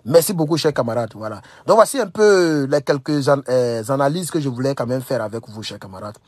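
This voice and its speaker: A man's voice: medium pitch, animated, fairly quick, a little mellow, dry recording. A young man from Burkina Faso, talking straight to camera, emphatic, repeating phrases and scolding his listeners. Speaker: political commentator. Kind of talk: casual direct-to-camera monologue.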